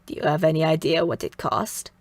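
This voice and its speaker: Woman putting on a raspy, scornful housemistress. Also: low voice, fairly even intonation, brisk, no room sound, pitched below the performer's own voice. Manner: blunt and scornful. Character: harsh, coarse middle-aged woman who runs the house.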